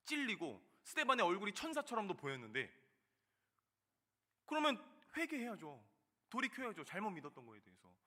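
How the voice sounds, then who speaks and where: A man in his thirties preaching a sermon, telling a personal story with loud emphatic bursts and soft quiet asides. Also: sits high. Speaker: junior pastor. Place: church sanctuary.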